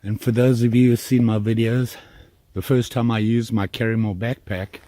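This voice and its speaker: A middle-aged man from Zimbabwe, chatting casually through an outdoor cooking vlog in snowy woods, relaxed and full of fillers. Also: mid-range voice, moderate pace, no room sound. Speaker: outdoor vlogger.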